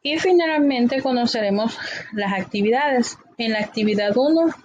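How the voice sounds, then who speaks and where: A woman teacher explaining a grammar lesson patiently, often pausing with fillers. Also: a little high, animated, darkish tone, dull audio.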